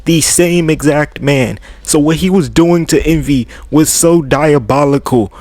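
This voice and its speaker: A young man giving casual anime commentary, animated and slangy, swearing freely as he tells the story. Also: a little high, a little slow, no room sound.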